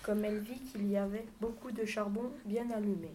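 A woman's voice: mid-range voice, fairly even intonation, brisk. A woman narrating a fairy tale, reading steadily with a few small stumbles. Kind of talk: storybook reading aloud. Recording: noisy home recording with clicks.

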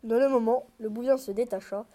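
A woman narrating a fairy tale aloud in a measured, expressive way. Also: fairly high pitch. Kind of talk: storybook reading.

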